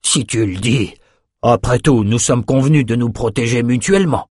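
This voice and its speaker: A man's voice: medium pitch, normal speed, a little mellow, slightly rough, dry recording, clean studio sound, lightly acted. A man reading an audiobook, voicing a proud, protective old male wizard with urgent, commanding outbursts. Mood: resigned. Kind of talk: audiobook character voice.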